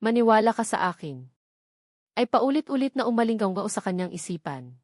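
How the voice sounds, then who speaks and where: A woman with a Filipino accent narrates a scripted, dramatic love story. Her voice sits at medium pitch with a slightly mellow quality, recorded in studio quality with no room sound.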